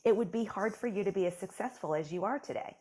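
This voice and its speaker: A woman author, guesting on a conversational interview, speaks fast in a mid-range voice. She's encouraging and says "you know" a lot. Crowd noise can be heard.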